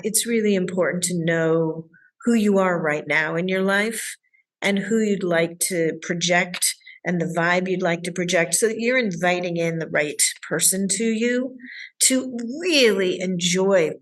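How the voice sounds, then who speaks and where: A woman's voice: on the low side, a little slow, a bit bright. A woman relationship coach, a guest in an interview, answering with enthusiasm and acting out the voices of her clients.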